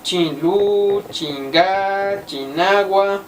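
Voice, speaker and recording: A woman's voice: medium pitch, drawn-out words. A Mexican woman telling jokes to camera in a casual, playful way. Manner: animated, playful delivery. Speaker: vlogger. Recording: roomy, mic at some distance, faint background noise.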